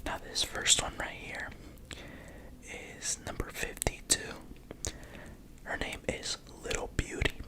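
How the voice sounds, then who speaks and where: Someone whispering asmr narration real hushed, like telling u a secret, no voice just breath. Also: takes it slowly, pauses often. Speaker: racing pigeon keeper presenting own birds.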